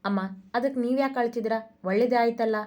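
A woman's voice: on the high side, fairly even intonation, normal speed, darkish tone, lightly acted. A woman voicing a caring young man who asks anxious questions. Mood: concerned.

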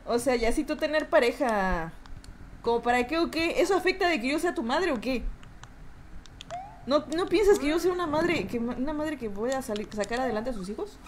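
Rowdy Mexican woman streamer, high lively voice. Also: moderate pace. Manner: rowdy, swears and laughs a lot, reads chat aloud. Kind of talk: live gameplay stream chatting with chat.

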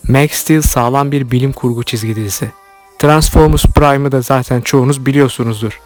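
A YouTube host delivers scripted commentary on cartoons as narration for his online video, with background music behind him. His voice is medium in pitch and steady, and he talks a little fast.

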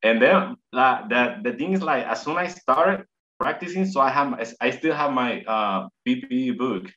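A native Spanish speaker from Puerto Rico, a man in his thirties, tells his story as a guest in a casual video call interview from a room at home, halting and repeating words. His medium-pitched voice is fairly bright and carries a Puerto Rican Spanish accent. The webcam audio is dull and lo-fi.

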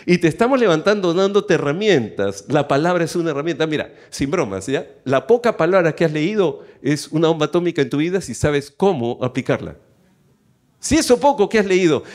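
Animated man preaching. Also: fairly high pitch, brisk. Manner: animated preaching, asks the congregation questions and reads scripture aloud. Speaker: pastor. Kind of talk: sermon. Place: church auditorium.

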